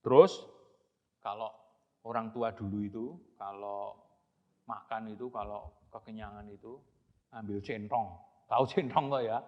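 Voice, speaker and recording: A man, a Sunday school teacher telling a story to children in a lively, chatty, folksy way. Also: on the low side, measured pace, pauses often. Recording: dull echoey hall recording.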